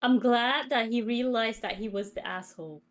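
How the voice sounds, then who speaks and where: A woman's voice: on the high side, normal speed. A woman co-hosting a casual live stream chat, speaking at an easy pace and sometimes searching for words. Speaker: stream co-host.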